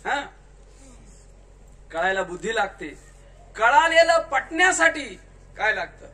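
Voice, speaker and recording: A man giving a spiritual discourse in a large tent, questioning the listeners and telling them to answer louder. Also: extremely high pitch, very animated, takes it slowly. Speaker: kirtankar preacher. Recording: distant mic with faint noise.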